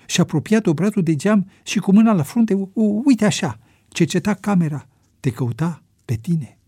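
Nervous timid young man voiced by a man, high lively pitch, husky tone, audiobook. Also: no echo, clean studio sound, heavily acted. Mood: fearful. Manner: anxious, raised pitch.

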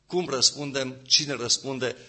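A man preaching a sermon, rising to loud emphatic peaks and then dropping low. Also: steady tone.

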